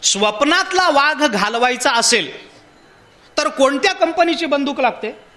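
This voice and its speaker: A man's voice: extremely high pitch, measured pace. A man giving a devotional discourse, telling a parable and putting rhetorical questions to his listeners. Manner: poses rhetorical questions to the audience; animated storytelling with parable. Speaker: spiritual discourse speaker.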